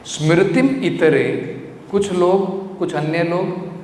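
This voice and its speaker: A man's voice: high-pitched, fairly even intonation, slow pace, darkish tone, slight background noise. A man giving a devotional scripture lecture, explaining verses line by line and putting rhetorical questions to his listeners. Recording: echoey hall with faint ambience.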